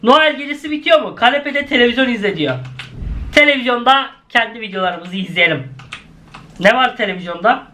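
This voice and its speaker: Bright, high-voiced male gaming YouTuber, excitable and prone to shouted exclamations. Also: fairly quick. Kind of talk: gameplay commentary.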